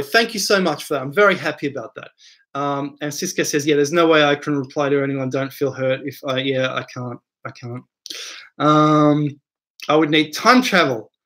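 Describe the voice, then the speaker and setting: Man, fairly high voice, live stream Q&A, reads chat aloud, rambling, lots of ums and repeated words. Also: a bit bright. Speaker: livestream host answering viewer questions.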